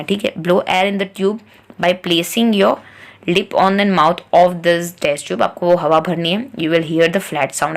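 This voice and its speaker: A woman tutor explains a science textbook, reading English lines slowly and then going over them in Hindi. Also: on the low side, vocal fry.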